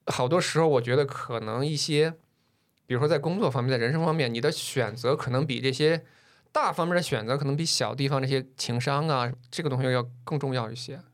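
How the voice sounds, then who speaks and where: A man with a loud voice, in casual podcast chat, telling stories from his past with laughs and swears. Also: medium pitch, brisk. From northern China. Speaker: podcast co-host.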